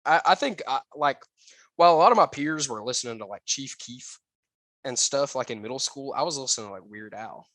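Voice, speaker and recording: Young man, podcast co-host, bright voice, dry close sound, eager stammering casual chat. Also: medium pitch, animated, brisk, dry recording. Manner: enthusiastic, stammering, lots of "like".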